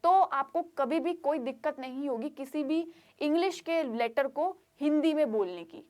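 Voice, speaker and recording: A woman's voice: sits high, a little slow, darkish tone. A young woman teaching an online pronunciation lesson in a chatty way, speaking to her students like kids; her first language is Hindi.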